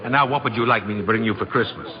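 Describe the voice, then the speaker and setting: An actor playing a kindly, jolly old department-store Santa Claus with gentle emphasis, in 1940s radio style. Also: male voice, on the low side, rapid-fire, lightly acted. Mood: merry, gentle. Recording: muffled vintage 1940s radio broadcast.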